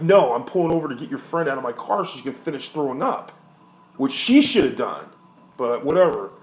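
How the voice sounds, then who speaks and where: Profane, fuming rideshare driver ranting. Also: male voice, mid-range voice, darkish tone. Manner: profane, heated and indignant, frequent sighs; rambling with many restarts. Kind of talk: casual storytelling rant.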